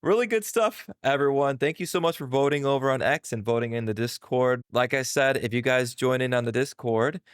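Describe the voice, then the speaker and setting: A man's voice: mid-range voice, fairly quick, few pauses, clear, resonant tone, no room sound, clean studio sound. A man hosting a casual gaming podcast, upbeat and jokey as he runs through the segments. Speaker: podcast host.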